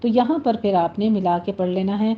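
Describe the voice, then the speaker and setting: Woman, recitation teacher, patient step-by-step explaining, slightly muffled recording, faint background noise. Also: mid-range voice. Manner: patient step-by-step explaining, repeats words slowly as models. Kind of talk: Quran recitation lesson.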